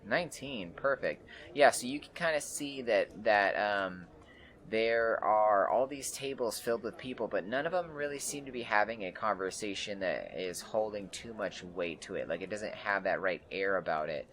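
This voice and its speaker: A man running a tabletop game as game master, narrating in a relaxed way with many fillers. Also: fairly low pitch, normal speed.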